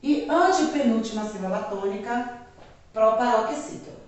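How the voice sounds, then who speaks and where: A Brazilian woman teacher giving a video lesson to children, speaking slowly and carefully and repeating example words. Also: on the high side, darkish tone. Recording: very echoey room, distant mic.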